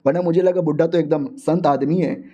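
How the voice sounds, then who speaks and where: A cheeky young hero who talks casually and jokes around, voiced by a man. His voice is high and mellow. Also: fairly even intonation, fairly quick, husky. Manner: casual, joking.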